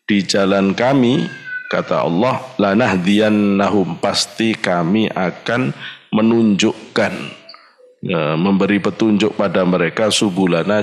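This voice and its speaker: A man with a Javanese accent, a kyai preaching an Islamic study sermon, blunt and scolding, with slow chanted Arabic recitation. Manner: emphatic, scolding and blunt, often jumping high in pitch. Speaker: kyai, religious teacher.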